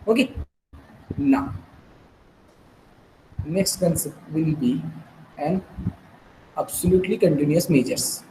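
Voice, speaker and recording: A man lecturing in mathematics, dictating definitions in short, repeated phrases with pauses between them. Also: fairly high pitch, darkish tone. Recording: echoey room with faint background noise.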